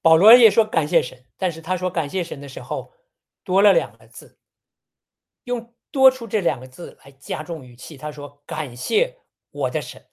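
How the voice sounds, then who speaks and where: A preacher giving a sermon on a Bible passage in a measured, teaching tone, often posing rhetorical questions. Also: mid-range voice, animated, a little mellow.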